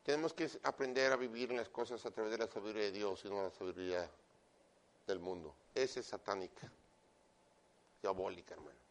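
A man preaching a sermon loudly and emphatically, with joking asides and frequent direct address to his listener. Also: lowish voice, steady tone, fairly quick. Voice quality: loud, emphatic delivery.

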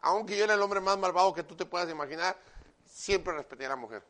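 A man preaching a sermon loudly and emphatically, with joking asides and frequent direct address to his listener. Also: high voice, fast. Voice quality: loud, emphatic delivery.

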